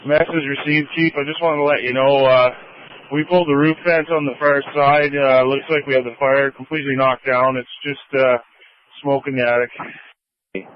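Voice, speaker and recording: A man's voice: mid-range voice, level tone, moderate pace, a little hiss or hum. A man, a firefighter on roof duty, giving status updates to command over a two-way radio. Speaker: firefighter leading roof sector. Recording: muffled lo-fi fire radio transmission.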